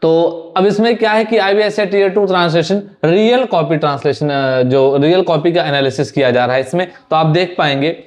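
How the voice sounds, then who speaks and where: A man's voice: a little high, a little fast, few pauses. A young man teaching exam translation in Hindi, going through a student's answer sheet in a chatty way, repeating words and dropping in English phrases.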